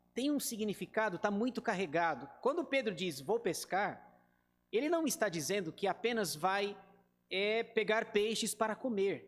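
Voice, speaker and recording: A male pastor with a Brazilian Portuguese accent leads a conversational Bible study in a high voice, and the sound suggests a large hall. He speaks straight to the group and acts out the lines he quotes.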